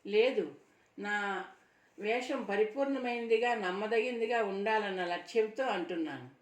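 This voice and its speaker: A self-assured young heroine from a storybook, calm and unshakable, pressing her point with quiet insistence, as a woman narrator voices her. The voice sits at a middle pitch and carries some room echo from a mic set back a little. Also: measured pace, close to an everyday voice. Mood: firm. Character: bold young woman in disguise, steady. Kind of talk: audiobook dialogue reading. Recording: roomy sound from a distant mic.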